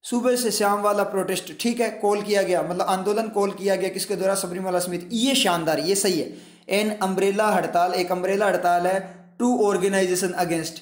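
A man's voice: sits high, fairly even intonation, moderate pace, reverberant. A man teaching an English exam lesson in Hindi, explaining each step and asking his students rhetorical questions.

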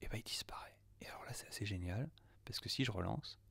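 A low-voiced man from France talks through a software test in a relaxed, chatty way. His voice has a gravelly edge, and he fills pauses with frequent hesitations. He slips into muttered asides half under his breath, and the sound is close and dry. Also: no echo, in a whisper. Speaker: audio producer demoing software. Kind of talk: casual screen-recorded software test.

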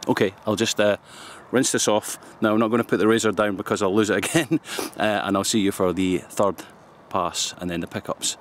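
A Scottish man in his fifties, a shaving vlogger, chats casually to a camera held close at arm's length while shaving outdoors in a forest, joking and laughing often. His fairly low voice is steady and fairly quick with hardly any pauses, and there's a little hiss or hum.

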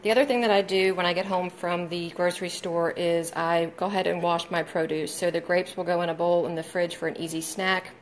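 A friendly woman in her forties chats to viewers while preparing a meal at home, filming on a handheld phone and filling gaps with ums. Her low voice holds a steady tone, moving fairly quickly with hardly any pauses. There's a bit of hiss or hum.

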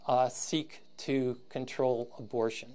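Man lecturing, halting with restarts. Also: medium pitch, fairly even intonation, a little mellow. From Canada. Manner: thinking aloud with frequent restarts and throat clearing. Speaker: university lecturer. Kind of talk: recorded lecture.

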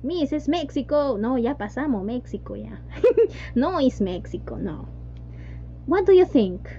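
High-voiced woman teaching online. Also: lively intonation, slow, dark tone. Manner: mixes Spanish and English, repeats "yes" and "¿no?". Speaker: English teacher. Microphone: video call. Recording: dull lo-fi online call audio with faint hum.

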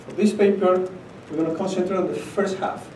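This middle-aged man with an Argentine Spanish accent gives an academic conference talk from a podium, his voice pitched a little above most men's and kept steady and brisk, slightly mellow. He stays conversational and emphatic, checking in with listeners often. Captured from across an echoey conference room with a projector screen, the audio carries a little hiss or hum.

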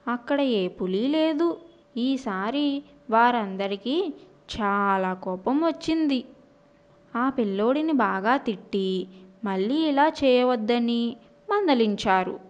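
A woman narrating a children's story in an expressive storytelling manner. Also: fairly high pitch, slow, long pauses, dull audio.

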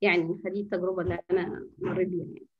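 A woman's voice: lowish voice, level tone, racing, husky, lo-fi sound. A woman teacher with an Egyptian Arabic accent giving an informal anger-management workshop. She coaches her listeners, asks rhetorical questions and answers them herself, and drops in English phrases. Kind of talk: informal online workshop talk.

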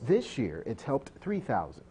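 A man delivering a scripted news report voice-over in a measured way. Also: mid-range voice, wildly swooping pitch, warm tone, slight background noise.

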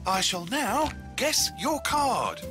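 A man's voice: very high-pitched, big pitch swings, slow pace, full character voice. A British man voicing an eager young cartoon dog who announces magic tricks like a theatrical stage magician. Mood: showy, proud. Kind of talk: children's cartoon acting. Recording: music behind the voice.

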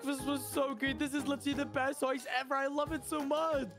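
A man doing a very high-pitched excitable baby boy. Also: a little fast, music in the background. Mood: cheerful. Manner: breathless, easily alarmed exclamations. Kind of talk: game role-play.

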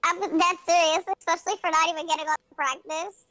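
A woman's voice: very high-pitched, fairly even intonation, fairly quick, sharp tone, no room sound. A female gamer chatting casually during a match, blunt and teasing. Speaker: video game player. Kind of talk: casual teasing chat while gaming.

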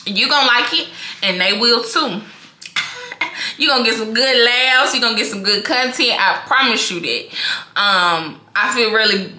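A woman's voice: fairly high pitch, measured pace, roomy sound. Bold, confident Mississippi woman vlogger. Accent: Mississippi Southern. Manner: big, animated and confident, talks straight to viewers. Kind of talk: casual talk to camera.

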